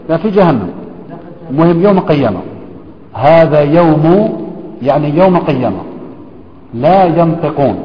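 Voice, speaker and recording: Man teaching in an echoey hall. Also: fairly high pitch. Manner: slow, deliberate explaining with rhetorical questions and repetition. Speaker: religious teacher. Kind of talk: Quran commentary lesson. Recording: echoey hall, dull lo-fi sound.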